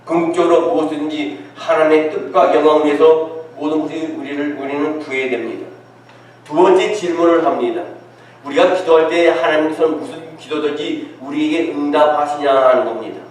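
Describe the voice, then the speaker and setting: A man's voice: on the high side, fairly quick, a little hiss or hum. A man preaching a sermon as pastor and putting questions to his congregation. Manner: asks the congregation rhetorical questions. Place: church sanctuary. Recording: echoey church hall from far off.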